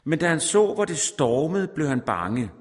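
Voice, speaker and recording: A man's voice: fairly high pitch, big pitch swings. A man preaching a sermon, repeating words for emphasis and reading scripture aloud. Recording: long reverb in a large hall.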